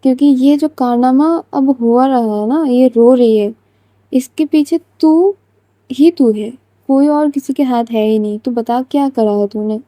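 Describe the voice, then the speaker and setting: A woman's voice: high voice, unhurried, dark tone, no room sound. A woman voicing a young woman friend who talks bluntly and scolds with a teasing edge. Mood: scolding.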